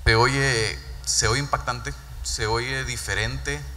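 Bright-voiced man giving a stage keynote. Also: medium pitch, fairly even intonation, slow. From Guatemala. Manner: earnest, repeats words while building points. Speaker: corporate speaker. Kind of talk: conference keynote talk. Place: large dark event stage. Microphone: handheld mic. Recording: reverberant stage hall.

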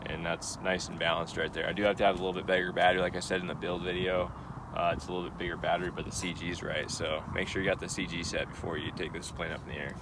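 A man's voice: sits low, fast talker. A young man hosting a hobby video, talking casually on camera at an open airfield with lots of filler uhs. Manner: relaxed, many filler uhs. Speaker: RC hobby channel host. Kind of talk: casual on-camera vlog talk. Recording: outdoor noise behind.

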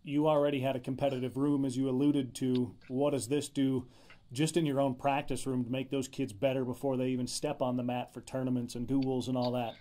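Flat, mellow-voiced male reporter. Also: medium pitch, brisk. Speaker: sports reporter. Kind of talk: interview questions.

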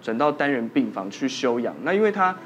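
A man with a Taiwanese Mandarin accent, a doctor guest on a TV talk show, telling a spooky hospital story in soft, trailing sentences. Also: mid-range voice, very animated, fairly quick, lo-fi sound, a little hiss or hum.

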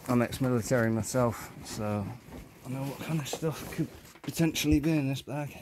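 Inside a cluttered, dusty abandoned house, an urban exploration vlogger offers casual, profane commentary, half to himself and half to his viewers. His voice is medium-pitched at a moderate pace. The noisy, clicky audio comes from a handheld phone or camera.

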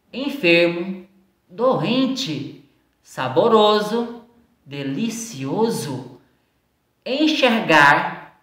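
Woman, Brazilian accent, teacher reviewing homework; slow, animated delivery, roomy echo. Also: on the low side. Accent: Brazilian Portuguese. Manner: slow and patient, stretching words out syllable by syllable. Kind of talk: recorded lesson going over exercises. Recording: echoey room sound.

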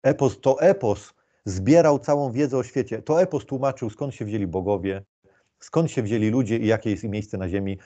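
A man's voice: medium pitch, normal speed, mellow. A man giving an informal lecture, explaining step by step with many fillers and restarts.

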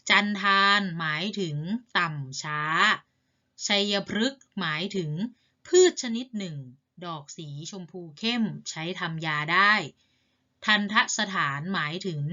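Bright-voiced woman teaching a reading lesson. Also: on the low side, measured pace, lo-fi sound. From Thailand. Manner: patient, polite teacher addressing children. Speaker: primary school teacher.

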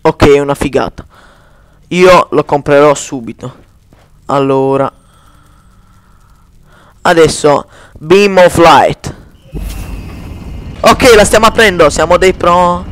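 A man giving casual gameplay commentary in speech, chatty, cursing at lag and slowly chanting spell words. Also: on the high side, a bit bright, dry recording.

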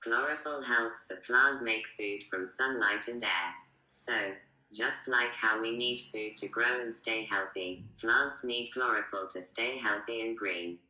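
A synthetic woman's voice playing a robotic AI chatbot assistant with a flat, polite, even machine delivery. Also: rumbling low, unhurried, echoey room, heavily acted, low-quality recording. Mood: explaining. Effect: robotic text-to-speech voice.

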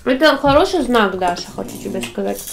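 High-voiced woman chatting over a mukbang meal. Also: expressive, fairly quick, vocal fry. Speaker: mother in a family mukbang vlog. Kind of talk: casual mealtime chat, mukbang. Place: small indoor room at a dining table. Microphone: camera across the table. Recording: clinking cutlery and dishes, faint noise.

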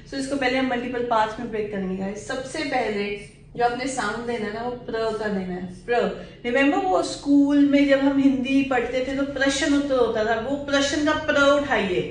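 A woman with an Indian accent teaching English pronunciation, drawing words out slowly and repeating them for practice. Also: sits high. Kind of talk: pronunciation lesson. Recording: echoey room, distant mic, faint ambient noise.

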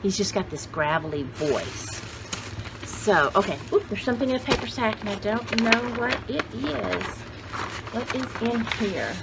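Unhurried and lively in intonation, this medium-pitched woman in her sixties vlogs about her vintage finds from a cluttered indoor room with shelves. She chats to the camera in a rambling, folksy, exclamatory way, often addressing herself and her viewers. Background noise is heavy.

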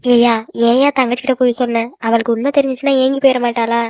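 A woman's voice: fairly high pitch, level tone, rapid-fire, a little mellow, no echo, lightly acted. A woman voicing an emotional middle-aged village mother in a cartoon, scolding her daughter and doting on her son. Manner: scolding, then tearful and doting. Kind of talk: cartoon voice acting.

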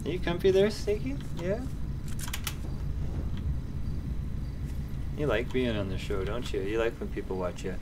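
A man in his thirties shouting urgently and swearing while commentating live on a game he is streaming. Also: medium pitch, fairly quick. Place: small indoor streaming room. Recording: clear noise of game sounds and vehicles.

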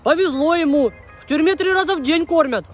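A man voicing a naive, dim young boy in a squabbling comedy sketch, with a pitched-up voice. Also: brisk, faint music behind. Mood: puzzled. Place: outdoors in overgrown waste ground.

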